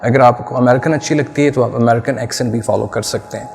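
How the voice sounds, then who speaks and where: A man's voice: mid-range voice, steady tone, quick pace, vocal fry, darkish tone, in a large hall. A man from Pakistan teaching English grammar to children in Urdu, explaining earnestly and repeating points in a teacherly way.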